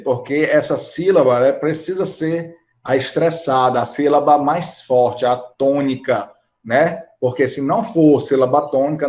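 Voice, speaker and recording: A man's voice: mid-range voice, darkish tone, echoey room. Brazilian man teaching grammar step by step. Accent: Brazilian Portuguese. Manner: explains step by step, checks in with "ok?" and "né?". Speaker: English teacher. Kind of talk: recorded online grammar lesson.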